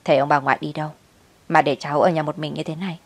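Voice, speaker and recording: A woman voicing a kindly older neighbor woman who calls out loudly and fusses with worry. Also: deep voice, flat delivery, fast talker. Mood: worried. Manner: loud, worried calling.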